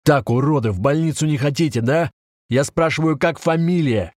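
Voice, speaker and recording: Audiobook role: brutal veteran cop, shouts everything, sneering; male reader puts him on. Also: medium pitch, moderate pace, no room sound, clean studio sound, pitched above the performer's own voice, close to an everyday voice. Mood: yelling, contemptuous. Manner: shouting, crude and scornful. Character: harsh older male police officer, bullying. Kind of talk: audiobook narration.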